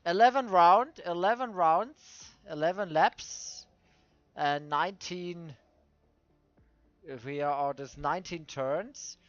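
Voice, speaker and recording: A man with a Swiss German accent, a native German speaker, hosting casual gameplay commentary and searching for his words in halting English. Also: fairly high pitch, a bit bright, dry recording. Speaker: host of a racing game video series. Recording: dull lo-fi dry microphone.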